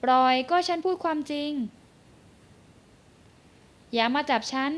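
Manga dub: jealous young wife, defiant and pouting, high voice, acted by a woman. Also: slow pace.

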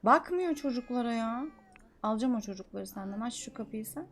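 Excitable young woman streamer, game commentary. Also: fairly high pitch, brisk, soft background music. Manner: excitable, scolding the game characters, swings from mutters to shouts. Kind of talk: live gameplay commentary.

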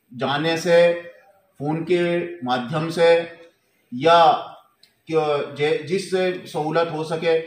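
A man, a goat farm owner, giving a formal and earnest thank-you speech into a handheld mic indoors, surrounded by a crowd. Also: on the high side. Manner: slow, earnest, formal Urdu phrasing. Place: indoor hall with a crowd of men. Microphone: handheld mic held close. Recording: echoey room with some noise.

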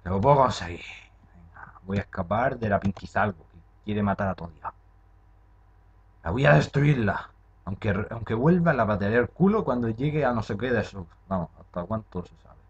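Young man, horror game reactor; jumpy, swearing, very lively pitch, dull home mic. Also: moderate pace, breathy edge. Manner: jumpy and excitable, swearing, muttering to himself. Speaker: gaming channel host.

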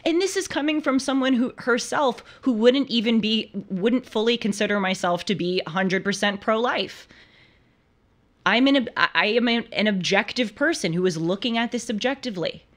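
A woman's voice: a little high, moderate pace, fairly bright tone. Emphatic young woman hosting a studio talk show. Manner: emphatic, argumentative, with frequent restarts and brief laughs. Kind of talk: opinion commentary. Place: studio with purple lighting.

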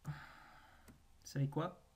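In a slightly mellow voice, a host of a gaming video reasons out loud over a naming quiz. He or she hesitates, lets pauses stretch, and drops wry jokes at their own expense.

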